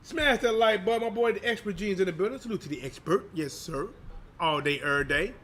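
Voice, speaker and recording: A man's voice: fairly high pitch, quick pace, a bit bright, breathy edge. A man doing live boxing commentary as a streamer, in slangy, informal talk aimed at his viewers. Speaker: boxing livestream commentator and channel host.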